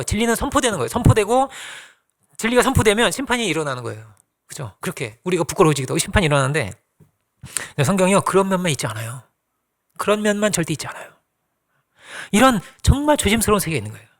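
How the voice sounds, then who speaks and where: A middle-aged male pastor delivers a chatty sermon at a quick clip. His voice runs fairly high and swoops up and down, and he slips into quoted speech and hushed asides. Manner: conversational preaching, acting out quoted lines with soft asides and laughs.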